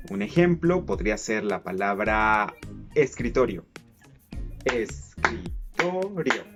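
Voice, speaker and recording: Man teaching in a friendly explainer voice. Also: medium pitch. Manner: friendly, explanatory, stretches words out syllable by syllable. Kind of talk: casual explainer lesson.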